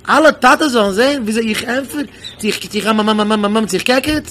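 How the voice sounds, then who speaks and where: A man's voice: sits high, fast talker, pushed and bright, slight background noise. A man speaking as a rabbi in an impassioned sermon, pressing his point with repeated rhetorical questions.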